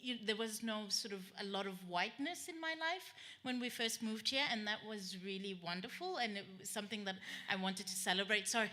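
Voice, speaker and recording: A woman's voice: medium pitch, brisk, few pauses, bright, forceful tone. A young woman from South Africa, a writer on a panel, talking thoughtfully and repeating words as she thinks. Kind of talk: casual reflective chat.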